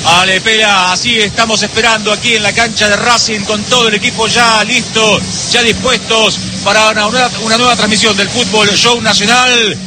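A man with an Argentine accent calls out a live football radio broadcast from a stadium press booth, rolling and ornate in his phrasing. His voice sits fairly high. Stadium noise hums clearly behind him. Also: little pitch movement, normal speed. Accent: Argentine Spanish. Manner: rolling, ornate announcer delivery. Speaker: play-by-play radio narrator.

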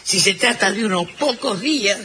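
Bossy scheming mother, Rioplatense accent, exclamatory comedy delivery, very bright and swooping. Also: medium pitch, expressive, normal speed, slightly rough, exaggerated voice. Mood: pleading, indignant. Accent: Rioplatense Argentine. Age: middle-aged. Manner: exclamatory, wheedling and scolding. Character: bossy, scheming, exasperated mother of grown daughters. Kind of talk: theatrical comedy acting.

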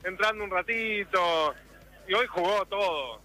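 A man's voice: sits high, measured pace, bright, forceful tone, faint music behind. A man interviewed in the street as a fan, speaking emphatically and proudly.

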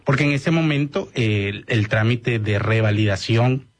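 A man in his thirties with a Venezuelan accent, a doctor speaking as a guest on a radio interview in a measured way with many hesitations. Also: fairly low pitch. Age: 30s.

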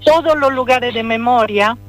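A woman from Rome with an Italian accent speaks Spanish as a non-native speaker, a playwright and poet giving a radio interview while pausing often to search for words. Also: a little high, faint music behind. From Italy, Rome. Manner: hesitant, searching for words with many fillers.

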